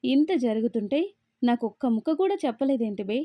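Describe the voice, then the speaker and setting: A woman voicing a teasing, excitable young man in a storybook reading. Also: on the high side, a little fast, dry recording, highs cut off, natural voice. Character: young man Aditya, teasing, loud-reacting friend. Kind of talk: storybook read-aloud.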